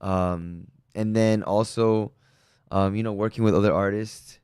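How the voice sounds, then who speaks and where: Relaxed and upbeat, a young musician from Peru talks through a casual interview, filling his speech with plenty of fillers. He speaks unhurriedly in a fairly low, smooth voice, and the studio-quality recording has no echo.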